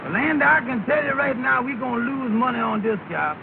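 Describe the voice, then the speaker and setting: An actor playing Amos, an eager young taxi driver who pleads and fusses in a fast dialect, on an old 1930 film soundtrack. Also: male voice, very high voice, lively intonation, creaky, narrow, tinny audio, background noise, exaggerated voice. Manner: pleading, fussy, quick dialect talk.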